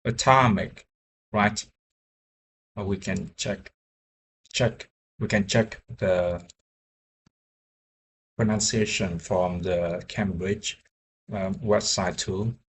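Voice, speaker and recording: A young man, a software engineer learning English, talking casually in a vlog, halting with many fillers and restarts. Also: sits low, fairly even intonation, slight background noise, low-quality recording.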